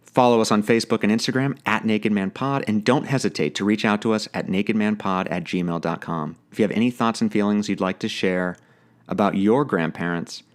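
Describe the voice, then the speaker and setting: Guy reading his podcast script, kinda low voice, reflective and personal. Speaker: podcast host.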